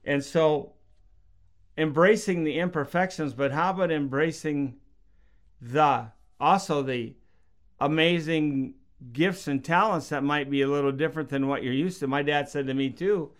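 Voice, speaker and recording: A middle-aged preacher with a smooth, resonant voice that sits somewhat high for a man. He talks easily about faith and tells stories, raising his voice to act out what other people said. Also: measured pace. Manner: storytelling, acts out quotes in raised voice. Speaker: preacher and podcast guest. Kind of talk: casual faith talk.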